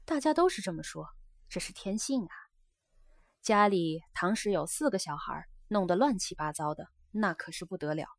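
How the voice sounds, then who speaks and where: A woman's voice: fairly low pitch, expressive, normal speed, no room sound. A woman reading aloud voices a young geisha who talks earnestly and presses her lover for an answer, in a dry close recording. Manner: earnest, coaxing and insistent.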